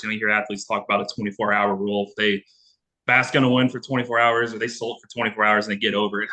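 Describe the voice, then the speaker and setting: A man's voice: lowish voice, bright, forceful tone, low-quality recording. A man, a reporter, asking a driver long conversational questions over a video call. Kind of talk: press conference question.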